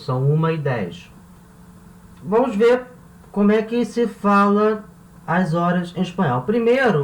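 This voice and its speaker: Patient teacher in an echoey room. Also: male voice, sits high. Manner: patient, repeats words slowly, checks in with "tá?" and "né?". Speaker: language teacher. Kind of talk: classroom-style video lesson. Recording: echoey room with faint ambience.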